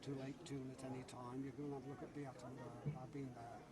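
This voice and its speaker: A man's voice: mid-range voice, level tone, fast talker. An older man, a preacher, talking informally to a tour group outdoors and quizzing his listeners. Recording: crowd chatter around. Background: group of people talking.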